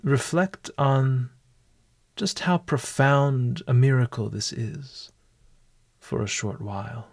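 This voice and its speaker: Slow, measured man guiding a meditation. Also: medium pitch. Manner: calm, deliberate, measured phrasing. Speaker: meditation guide. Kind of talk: guided walking meditation.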